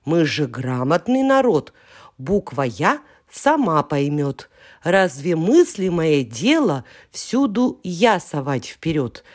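A woman's voice: low-pitched, sing-song, slow, a little mellow, heavily acted. A woman voicing the whole alphabet as a chorus of letters in a storybook poem, lecturing in a scolding, reasonable way.

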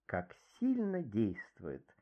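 Theatrical man reciting a verse fable. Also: slow. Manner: theatrical, highly expressive recitation. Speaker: reader. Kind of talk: reading a verse fable aloud. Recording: dull lo-fi recording.

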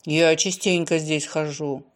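A woman voicing a calm middle-aged husband, lowering her voice and speaking plainly. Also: measured pace.

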